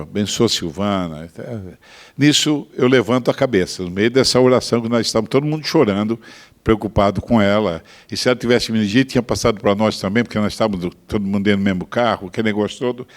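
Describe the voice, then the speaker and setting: An older man, a pastor with a Brazilian Portuguese accent, telling a story in a sermon. He moves between hushed asides and loud, emphatic bursts. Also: on the low side. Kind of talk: sermon testimony.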